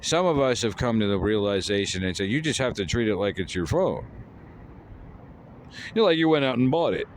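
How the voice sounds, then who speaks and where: A man's voice: fairly low pitch, sing-song, fairly quick, pauses often, slight background noise. A man giving a rambling, scolding comic rant as a vlogger. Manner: lecturing, scolding, repetitive.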